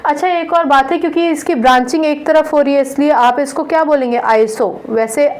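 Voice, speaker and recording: The audio is poor, but the high-pitched woman is clearly teaching chemistry online. She walks students through compound naming with patience, counting out the carbons slowly and regularly checking in.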